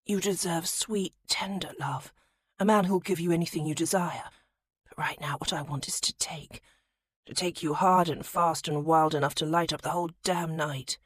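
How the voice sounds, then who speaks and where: A woman's voice: sits low, moderate pace. Casting: woman reading a charming rake of a young lord, playful, insistent, intimate. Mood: whispered. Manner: teasing, turning hushed and intimate. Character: charming rakish young lord, teasing yet tender.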